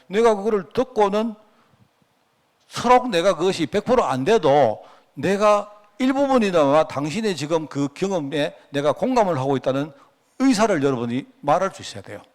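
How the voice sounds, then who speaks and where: A male pastor with a Gyeongsang accent preaching a sermon in a conversational way, often asking the congregation questions. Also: high voice. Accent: Gyeongsang Korean.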